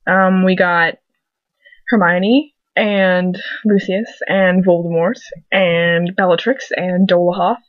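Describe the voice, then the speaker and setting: A woman with a medium-pitched voice reads fan fiction aloud like an amateur at home, stumbling casually and drifting into self-deprecating chatty asides. The recording is dull, lo-fi, and dry, with little room around it.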